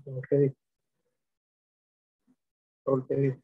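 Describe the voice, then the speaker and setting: A man's voice: medium pitch, monotone, a little slow, breathy edge. Teasing man on a tinny line. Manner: short teasing questions. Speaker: law student. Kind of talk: casual chat before class. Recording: tinny dry phone-like line.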